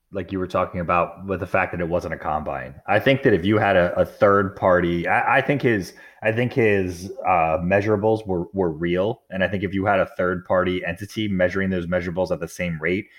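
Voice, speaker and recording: Podcast host: man, low voice, laid-back, chuckles, casual sports chat. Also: a little fast, hardly any pauses.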